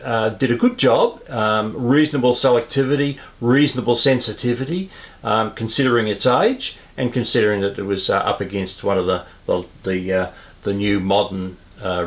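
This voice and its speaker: Speaking in a lowish voice, a man hosts a hobby radio video, explaining things casually in an unhurried, understated, conversational manner.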